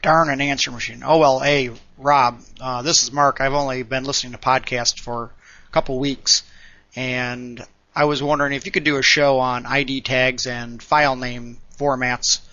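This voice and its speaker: A man's voice: medium pitch, little pitch movement, normal speed, sharp tone, no echo. A man from Indiana leaving an earnest voicemail message, heard over a landline phone. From South Bend, Indiana, USA. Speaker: listener calling in. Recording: muffled, dry phone-line message.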